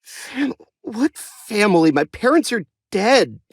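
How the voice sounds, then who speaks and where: Weary, husky, creaky overworked worker. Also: male voice, high-pitched, sing-song, slow pace, dry recording, clean studio sound, full character voice. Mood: weary, pleading. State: weary, groggy. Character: exhausted, downtrodden overworked male worker. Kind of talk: video game dialogue.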